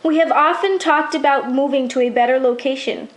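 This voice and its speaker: A woman's voice: high voice, a little fast, close to an everyday voice. A woman voicing a caring, brave father mouse in a storybook reading. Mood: reassuring. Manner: earnest calling.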